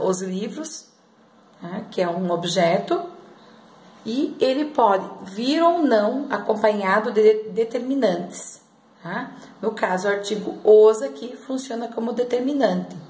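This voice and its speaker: A woman's voice: mid-range voice, a little mellow, slight background noise. Patient woman teacher in an echoey room. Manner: explains step by step, often checks with "tá?" and "né?". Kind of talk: grammar lesson for students.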